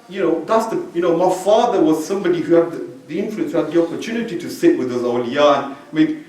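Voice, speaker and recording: Standing well back from a stand mic in a mosque hall, a Belgian man's sermon sounds distant and swamped by heavy echo. This religious speaker keeps it informal and chatty, sprinkling in "you know," his somewhat high voice a little mellow.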